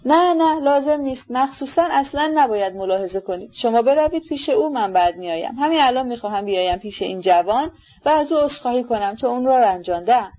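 A woman reader voicing a fiery, proud young daughter who bursts out in high, vehement lines. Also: lively intonation, mellow, dull audio. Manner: vehement, high-pitched outbursts.

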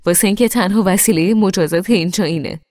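A woman voicing a bossy, teasing young man who loudly mocks and pushes others around. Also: mid-range voice, no room sound, clean studio sound, natural voice. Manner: mocking and loud.

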